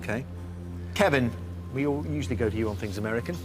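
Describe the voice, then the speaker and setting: A man presents a studio quiz show with upbeat, theatrical flair. His voice sits at a middle pitch. Light music plays faintly under him. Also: quick pace.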